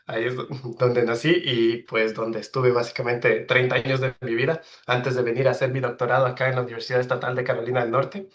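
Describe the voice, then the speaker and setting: A man's voice: medium pitch, little pitch movement, fairly quick. A man in his thirties with an Ecuadorian accent, giving a friendly, explanatory online presentation as a veterinarian, often checking in with tag questions. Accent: Ecuadorian Spanish. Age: 30s. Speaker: webinar speaker, veterinarian. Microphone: video call.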